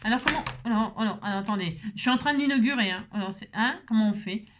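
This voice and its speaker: A woman's voice: a little high, quick pace, background noise. A woman hosting a crafting video at her home table, rambling chattily and tossing frequent asides to her viewers. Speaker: crafting channel host. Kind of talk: casual crafting chat to viewers. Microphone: camera set up on the table.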